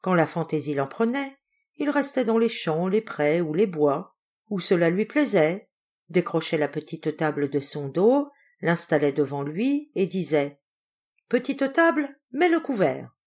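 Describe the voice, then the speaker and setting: Woman storyteller, low-pitched, very lively reading. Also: a little slow. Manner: expressive, lilting read-aloud. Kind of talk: fairy tale read aloud.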